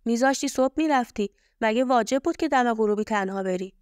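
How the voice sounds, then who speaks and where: Female narrator voicing a sharp, demanding older mother in a storybook, dry close sound. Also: a little high, expressive, gravelly, dry recording. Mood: accusing. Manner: sharp, accusing.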